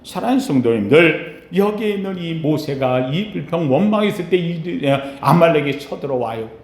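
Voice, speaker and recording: Animated high-voiced man preaching a sermon. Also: normal speed. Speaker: pastor. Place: church sanctuary. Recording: echoey church sanctuary.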